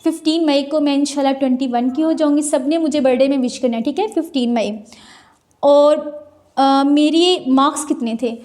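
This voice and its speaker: Speaking at a normal pace, this high-voiced Pakistani woman in her twenties sounds a little mellow as she records a Q&A vlog on her phone. As a student vlogger, she takes each viewer question in turn, chatting and giving practical tips.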